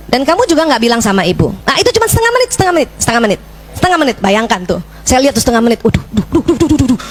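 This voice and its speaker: A middle-aged woman giving a lively parenting talk to an audience of mothers, often checking in with them by asking questions. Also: high voice. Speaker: parenting speaker.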